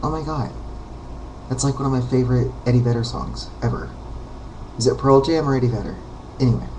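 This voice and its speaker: A man with a baritone voice in a mid-range register talks straight into a webcam. He rambles, candid and unpolished, filling his pauses with ums and uhs. A faint background hiss sits under the voice. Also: a little mellow, rough recording. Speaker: vlogger. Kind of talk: casual talking-to-camera vlog.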